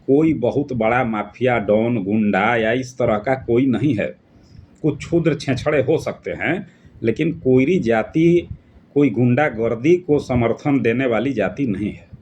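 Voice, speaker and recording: A man's voice: medium pitch, animated, unhurried, darkish tone, lo-fi sound, a little hiss or hum. A man from Bihar, giving an earnest, emphatic solo political commentary.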